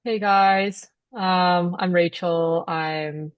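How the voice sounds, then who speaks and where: Woman, 20s, from New York, panelist; deep-ish, dry, casual. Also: steady tone, extremely slow, dry recording, muffled recording. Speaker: panelist, new medical graduate. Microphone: video call.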